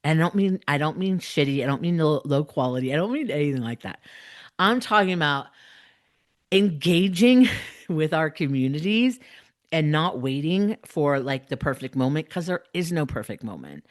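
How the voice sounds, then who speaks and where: A woman's voice: deep voice, animated, moderate pace. A woman hosting a solo podcast, talking earnestly and emphatically to listeners, repeating phrases, with the slight lisp of someone wearing a dental retainer. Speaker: podcast host.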